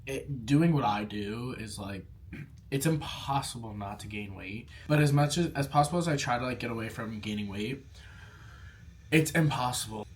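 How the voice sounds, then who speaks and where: A man's voice: mid-range voice, moderate pace. A man in his early twenties chatting casually as he eats and answers viewer questions, with many "like" fillers. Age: young adult. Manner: chatty, lots of "like" fillers, talks between bites. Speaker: food vlogger. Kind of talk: casual mukbang Q&A while eating.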